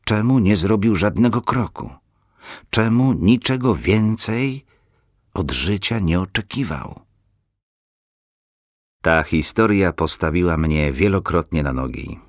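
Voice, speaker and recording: A man giving a spiritual motivational talk, telling a story in a measured, dramatic way and then making emphatic appeals to the listener. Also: deep voice, no room sound, studio quality. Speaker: speaker, narrator.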